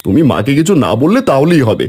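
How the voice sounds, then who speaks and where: Cartoon: man voicing a young farmer husband, husky, animated, reassuring. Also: mid-range voice, fast. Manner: coaxing, reassuring. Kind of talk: cartoon voice acting.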